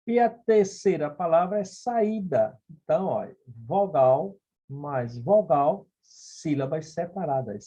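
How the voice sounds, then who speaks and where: A man's voice: a little high, dark tone, breathy edge. A man teaching phonetics, working through exam questions step by step and checking in with the listener. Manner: explanatory, checks in with frequent "ok?" and "beleza?". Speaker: Portuguese grammar teacher. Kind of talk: recorded phonetics lesson solving exam questions. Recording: dull lo-fi recording.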